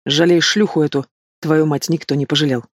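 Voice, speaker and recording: A man's voice: a little high, steady tone, a little fast, no room sound, studio quality, natural voice. A man voicing a cruel middle-aged crime boss who sneers and threatens, in an audiobook reading. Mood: menacing. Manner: sneering, menacing.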